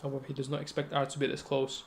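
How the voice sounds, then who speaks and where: A man casting a live esports match, giving quick play-by-play with chatty asides and self-corrections. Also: mid-range voice, a little hiss or hum. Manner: rapid, self-correcting, chatty asides, sudden excited outbursts. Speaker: esports caster.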